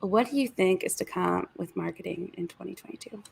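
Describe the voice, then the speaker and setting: A woman co-hosting a casual video-call chat, talkative and quick to laugh, with rambling asides. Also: on the low side, vocal fry, a little mellow, slightly rough. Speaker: podcast co-host.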